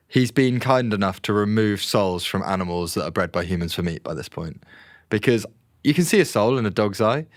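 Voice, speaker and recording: English man co-hosting a podcast, sweary animated storyteller, very lively pitch, dry close sound. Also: dry recording. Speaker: podcast co-host. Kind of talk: casual podcast chat.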